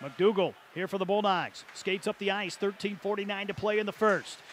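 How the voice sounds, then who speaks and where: A man calls hockey play-by-play from an arena with a high, lifted voice. He rattles off names and passes at speed and bursts out when a goal goes in, with faint noise under the mic. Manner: rapid play-calling, erupts on goals. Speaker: play-by-play announcer. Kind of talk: play-by-play sports commentary.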